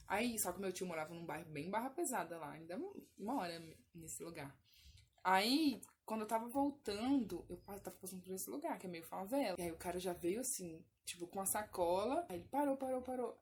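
A young woman chatting casually with friends and telling animated stories, acting out what people said. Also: mid-range voice, brisk, slight background noise. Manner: lively storytelling with acted-out lines. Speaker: storyteller in group chat. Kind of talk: casual chat.

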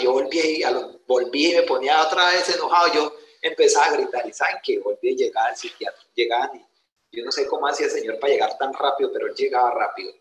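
A man's voice: mid-range voice, fairly bright tone, a little hiss or hum. A young man with a Colombian accent giving a motivational personal testimony, telling his story emphatically and putting rhetorical questions to his audience. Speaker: motivational speaker. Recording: roomy echoing venue.

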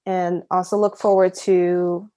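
Mellow and lowish with little pitch movement, this young adult's voice moves a little slowly. She's a Shanghai university student chatting as an interview guest, telling personal stories, giggling and dropping "like" all through her talk.

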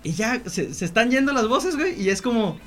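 A man's voice: very high voice, very animated, brisk, fairly bright tone, soft background music. Slangy young Mexican man telling a story. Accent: Mexican Spanish. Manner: laid-back, slangy, often laughing, acts out quoted voices. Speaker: podcast co-host. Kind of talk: casual storytelling chat.

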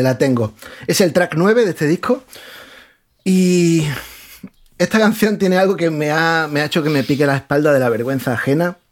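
A man with a notably high voice talks through a comedic music segment on a radio show. He jokes and laughs often, and now and then he breaks into squeaky mocking impressions. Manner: joking, frequent laughter, mocking falsetto imitations. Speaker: radio host. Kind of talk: humorous music commentary.

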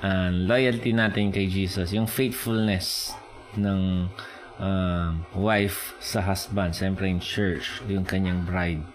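Slow-paced male preacher. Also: sits low, steady tone. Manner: Taglish preaching, slow and explanatory, rising with emphasis; checks in with listeners often. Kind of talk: sermon.

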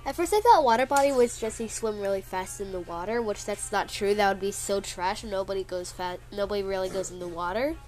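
Over loud game music, a gameplay video creator chats casually while playing, talking fairly quickly at a medium pitch with few pauses. Her voice sounds stuffy and sniffly, and she rambles and jokingly grumbles whenever she takes a hit.

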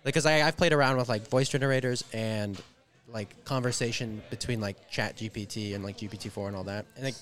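Slightly fast and a bit bright, this fairly low-voiced man hosts a podcast and keeps the conversation casual. His talk wanders, packed with "like," fillers and restarts.

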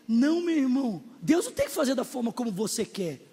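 A Brazilian man preaches from the pulpit in a strikingly high voice, mixing jokes with emphatic appeals and shouting at his high points. His words ring out with a long hall reverb, as if carried through a large church. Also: very animated, a little fast, slightly rough. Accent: Brazilian Portuguese. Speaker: pastor. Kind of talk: sermon.

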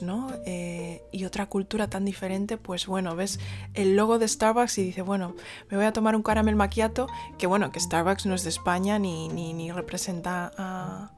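A woman's voice: medium pitch, steady tone, unhurried, soft background music. Chatty woman rambling. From Spain. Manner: chatty, rambling with many fillers and restarts. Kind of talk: casual storytelling.

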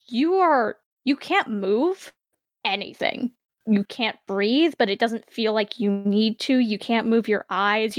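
A woman running a tabletop fantasy game as game master, narrating scenes in a measured, dramatic way. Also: medium pitch, dry recording.

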